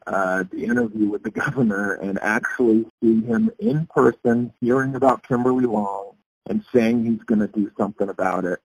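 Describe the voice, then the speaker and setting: A man's voice: fairly low pitch, moderate pace, husky, no room sound, rough recording. A man who directs a legal advocacy group, interviewed over a cell phone and making his points emphatically, often repeating them.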